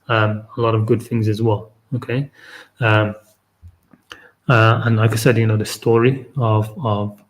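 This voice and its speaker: A man with an ordinary mid-range voice talks through his ideas on an unscripted live stream. He pauses often, fills gaps with "um," and keeps checking in with his listeners with "okay?" and "right?". His tone is explanatory and unhurried, as if he is reasoning aloud. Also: mid-range voice. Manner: halting, frequent "um" and tag "okay?". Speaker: host of a Quran reflection series.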